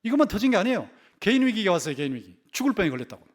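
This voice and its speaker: Male pastor, higher-pitched voice, emphatic Sunday-sermon delivery with repeated key words. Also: big pitch swings, rapid-fire. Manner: asks the congregation rhetorical questions. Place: church sanctuary.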